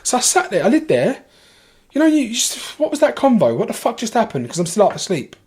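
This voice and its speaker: Animated, sweary London man telling a story. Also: high-pitched, breathy edge. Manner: animated, swears freely, lots of rushed restarts. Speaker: podcast guest. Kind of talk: casual storytelling.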